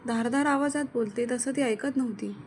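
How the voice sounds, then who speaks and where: A woman narrates a serialized love story in a steady reading voice. Her voice sits high, and there is a faint hiss behind her. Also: moderate pace.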